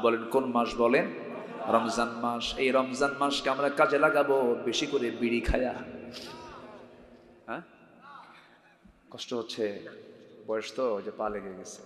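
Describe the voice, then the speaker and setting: A male preacher giving a humorous, rhetorical sermon to a gathering and calling on the crowd to answer louder. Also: medium pitch, fairly even intonation, unhurried, long pauses. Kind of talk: Islamic sermon to a live gathering. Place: religious gathering over a sound system. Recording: echoey hall with long reverb.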